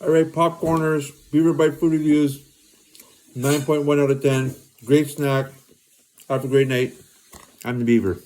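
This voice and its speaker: A man hosting a casual food review, talking in short phrases with pauses. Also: medium pitch, fairly even intonation, a little mellow, poor audio. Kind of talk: casual snack review to camera. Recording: clear background noise with clicks.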